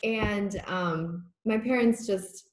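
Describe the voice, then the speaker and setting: A young woman from Massachusetts, United States, whose first language is Korean, talks slowly in a mid-range voice as a conversation guest. She rambles through a casual, reflective video call from a room at home, laughing often and using lots of filler words. Her laptop mic picks up a roomy echo.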